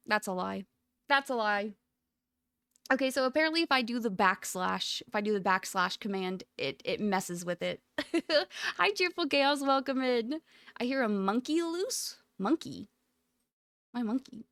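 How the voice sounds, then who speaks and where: A giggly woman streamer chatting with her viewers in a fairly high voice. She rambles through plenty of fillers, recorded on a close mic in a dry, dead-quiet setting. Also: animated, normal speed, dry recording. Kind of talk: casual livestream chat.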